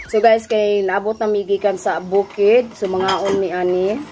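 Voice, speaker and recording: A woman's voice: mid-range voice, steady tone, music in the background. A woman vlogger chatting casually to her viewers about the food she is eating in the countryside. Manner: slow, unhurried talk to viewers, mixing in English words. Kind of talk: casual food vlog chat. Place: outdoors in the countryside.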